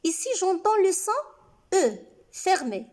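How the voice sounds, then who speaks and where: A woman teacher giving a reading lesson to young pupils, saying words slowly and clearly, syllable by syllable, asking the class questions and praising their answers. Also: high-pitched, very animated, a little mellow. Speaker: primary school teacher.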